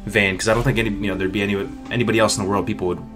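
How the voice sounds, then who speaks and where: A man's voice: on the low side, level tone, very fast, fairly bright tone, soft background music. A man co-hosting a casual interview, asking long winding questions full of "you know". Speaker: co-host.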